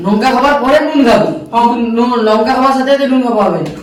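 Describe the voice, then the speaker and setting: A man's voice: very high-pitched, expressive, racing. A man taking part in a challenge, bickering casually with his friends. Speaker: challenge participant. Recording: very echoey, distant mic, some noise.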